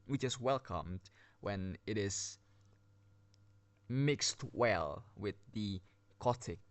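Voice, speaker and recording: With a lowish, expressive voice and a very slow delivery, a man offers casual game skin commentary that rambles, restarts repeatedly, and leaves him breathless. It's a dry recording made under a blanket on a built-in device mic, no headset.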